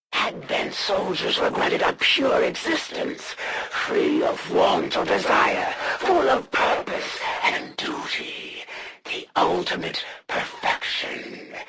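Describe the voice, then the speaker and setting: Menacing alien assassin lady for a game, super gravelly, slow n haughty, very theatrical, background noise behind it. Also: mid-range voice, fairly bright tone, full character voice. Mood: bitter scorn. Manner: formal, imperious, theatrical. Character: haughty, menacing female alien assassin, zealous servant of her masters. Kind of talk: dramatic video game villain voice lines.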